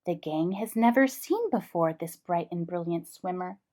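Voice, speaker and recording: A woman reading a storybook aloud to young children in an expressive, explanatory way. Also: lowish voice, normal speed. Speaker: read-aloud host for young English learners.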